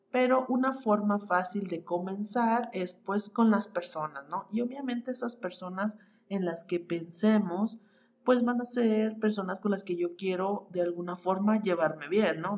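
A woman's voice: mid-range voice, a little hiss or hum. A woman with a Mexican Spanish accent, an ontological coach hosting a solo podcast, explaining ideas to her listeners and often checking in with tag questions. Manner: explanatory, addresses listeners directly with frequent "¿no?" tags.

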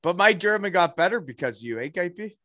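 A man's voice: high-pitched, a little fast, dry recording, studio quality. A man chatting casually with old friends on a video call, laughing often as he tells stories. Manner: laughing, animated storytelling. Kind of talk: casual chat.

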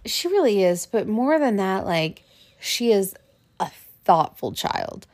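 A woman's voice: medium pitch, very animated, takes it slowly, a little mellow. Chatty woman laughing often. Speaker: podcast co-host. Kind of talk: casual chat.

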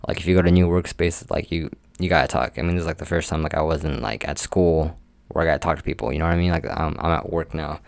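A man's voice: very deep voice, fairly even intonation, quick pace, vocal fry, no room sound. A young man telling a work story in a casual, rambling way, full of "like" fillers. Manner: rambling, heavy use of "like" fillers. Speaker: amusement park game attendant.

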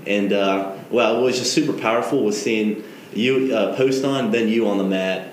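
A young man chats in halting bursts, with plenty of fillers and restarts. His voice bounces around a very echoey room, and a faint hiss runs underneath. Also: fairly low pitch. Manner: halting, filler-heavy, laughs easily. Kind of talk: casual podcast chat.

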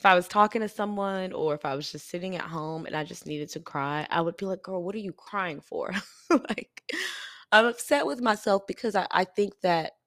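A woman's voice: lowish voice, animated, moderate pace, dry recording, studio quality. Earnest, tired woman podcaster. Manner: earnest, confiding, with soft laughs. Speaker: podcast host. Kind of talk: reflective solo podcast talk.

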